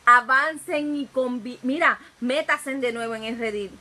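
A woman's voice: fairly high pitch, normal speed, bright, forceful tone, low-quality recording. A woman evangelist, preaching a fervent testimony sermon full of hallelujahs.

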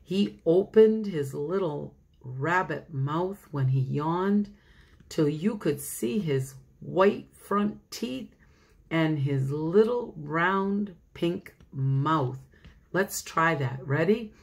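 A woman's voice: sits low, lively intonation, extremely slow, gravelly, a little mellow, slightly rough. A woman pastor reading a children's storybook aloud, chatting straight to the children and laughing often.

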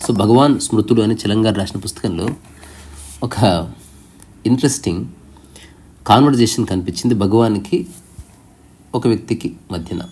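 A man narrating a spiritual story, reading it aloud in a calm, reflective way and slipping English words into his sentences. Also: lowish voice, normal speed, pauses often, slightly rough.

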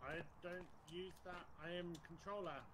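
A man playing a ghost-hunting game with a friend over voice chat, talking in a hesitant, low-key way. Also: fairly even intonation, moderate pace, a bit bright, a little hiss or hum. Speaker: co-player on voice chat. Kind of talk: casual gaming chat.

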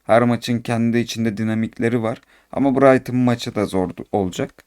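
Excitable man commentating his football game. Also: mid-range voice, normal speed, clean tone. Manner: excitable, shouts and scolds players. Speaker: gaming YouTuber.

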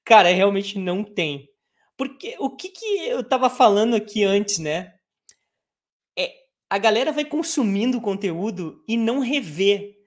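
A Brazilian woman teaches English live online. She speaks Portuguese natively and has an ordinary mid-range voice. She breaks sentences into pieces and repeats each one slowly. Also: mid-range voice, expressive.

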